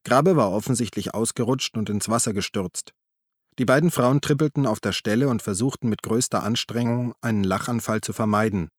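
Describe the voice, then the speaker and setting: Low-voiced male audiobook narrator. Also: a little fast, no echo, clean studio sound. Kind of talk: scripted narration.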